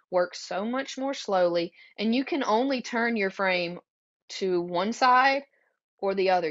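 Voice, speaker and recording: A woman with a Southern US accent walks listeners through her slides in an earnest, conversational way, stopping often for ums and restarts. Her pitch sits in an ordinary middle range. The webinar audio is a little dull and muffled. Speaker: beekeeping workshop presenter.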